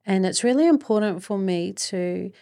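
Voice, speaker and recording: A middle-aged woman hosts a motivational podcast, speaking earnestly and reflectively in deliberate phrases. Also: medium pitch, animated, vocal fry, dark tone, dry recording, studio quality. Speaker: podcast host.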